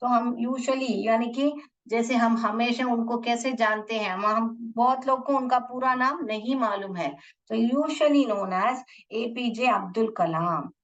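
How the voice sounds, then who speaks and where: A woman's voice: fairly high pitch, unhurried, distant mic, lo-fi sound. A woman teacher explaining an English lesson to children, mixing Hindi and English, spelling out words and asking the class questions.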